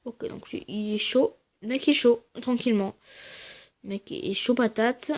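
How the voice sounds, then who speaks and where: A woman giving casual, slangy commentary over her own gameplay, talking quietly and then shouting at big wins and losses. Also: on the high side, fairly even intonation, unhurried. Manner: speaks quietly between outbursts. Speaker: gaming channel host.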